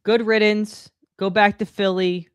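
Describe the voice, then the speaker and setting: A woman's voice: medium pitch, little pitch movement, a little slow, smooth, dry recording. Female sports podcast co-host, blunt and stat-minded, dry close sound. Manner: blunt, dismissive, stat-driven. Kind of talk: casual sports chat.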